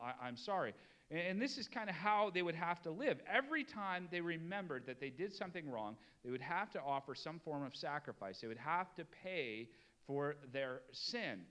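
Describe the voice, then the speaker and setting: A man's voice: a little high, very animated, moderate pace, fairly bright tone. A middle-aged man preaching a sermon, drawing out key words for emphasis and talking plainly to his congregation. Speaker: pastor.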